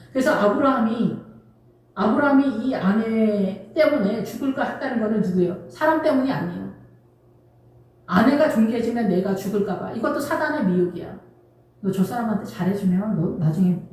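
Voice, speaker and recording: A woman's voice: fairly high pitch, darkish tone. A woman pastor giving an emphatic, conversational sermon full of rhetorical questions. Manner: emphatic, fires rhetorical questions, casual speech. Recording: very echoey hall, distant mic.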